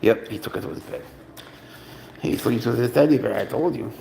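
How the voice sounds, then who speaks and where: A man's voice: mid-range voice, brisk, creaky, mellow, a little hiss or hum. A man hosting a casual live stream, chatting playfully and talking doting baby talk to his pet, laughing often.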